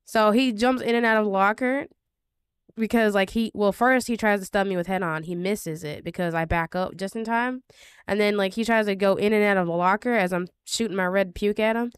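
A woman's voice: mid-range voice, brisk, clean tone, dry recording. Chatty young woman gaming vlogger. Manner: chatty storytelling with many fillers; exasperated, sarcastic retelling. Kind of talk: casual gameplay commentary.

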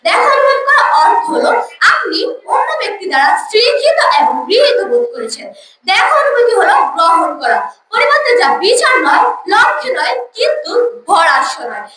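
A schoolgirl, child or teenage, opens a school debate as first speaker, her very high voice moving in a sing-song pattern at normal speed. Her speech is formal, declamatory and clearly rehearsed. The room echoes, the mic sits far away, and background noise is heavy.

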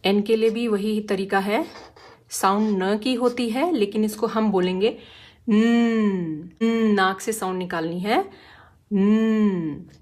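Slow, patient woman teaching phonics. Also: medium pitch. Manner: patient, demonstrates each sound repeatedly. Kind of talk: slow, careful phonics lesson.

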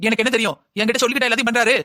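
A man's voice: very high voice, flat delivery, very fast, pushed and bright, no room sound, studio quality. A man doing a grumbling cartoon mother-in-law. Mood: irritated. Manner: complaining, curt. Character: irritable middle-aged mother-in-law.

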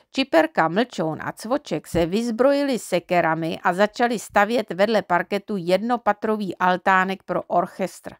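A woman from Czechia reading a children's storybook aloud in a gentle, measured way. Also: mid-range voice, dry recording, studio quality. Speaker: audiobook reader. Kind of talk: storybook narration.

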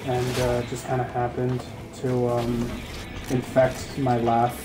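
A man's voice: mid-range voice, monotone, slow pace. A man in his twenties chatting casually on a game stream, joking, swearing and laughing a lot. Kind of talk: casual gaming stream chat. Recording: roomy room with game music. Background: game music.

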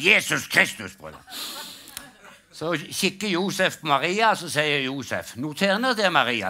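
An older stand-up comedian performs live on a comedy stage, telling jokes in a dry storytelling style and acting out the punchlines. His voice is fairly high, bright and forceful.

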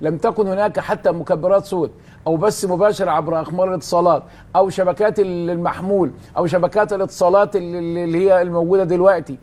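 A man's voice: sits high, fairly even intonation, rapid-fire, darkish tone. A man with an Egyptian Arabic accent, a religious scholar telling stories on a TV studio talk show, asking rhetorical questions and answering them himself with fervour. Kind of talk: televised religious storytelling talk.

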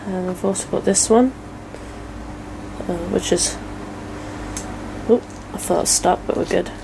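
A woman's voice: lowish voice, a little slow, gravelly, background noise. A young woman, vlogging casually while building a motorcycle in a cluttered shed, blunt and sweary, talking to herself as she works.

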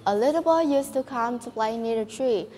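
A woman narrating a fairy tale in a steady, careful reading. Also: fairly high pitch, moderate pace, long reverb tail. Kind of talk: storytelling narration.

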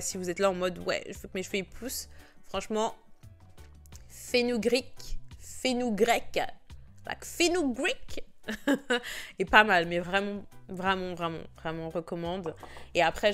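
A woman's voice: on the low side, a bit bright, smooth. A woman, chatting casually about hair products, often stumbling over words and restarting. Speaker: beauty vlogger.

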